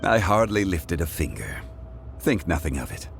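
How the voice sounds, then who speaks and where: A man's voice: low voice, big pitch swings, moderate pace, vocal fry, music in the background, full character voice. A man playing a composed, courteous ancient god in human form in a video game, speaking formally and with understatement. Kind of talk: dramatic video game voice acting.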